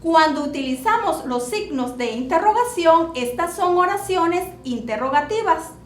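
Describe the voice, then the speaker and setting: A woman teacher explaining punctuation to children in a slow, deliberate classroom manner. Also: extremely high pitch, expressive, a little hiss or hum. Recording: echoey room with faint music.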